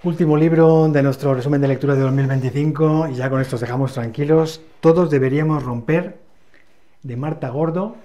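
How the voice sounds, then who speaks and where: Mellow-voiced Spanish book reviewer. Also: male voice, a little high. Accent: Spain Spanish. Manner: measured, explanatory summarizing. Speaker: book channel co-host.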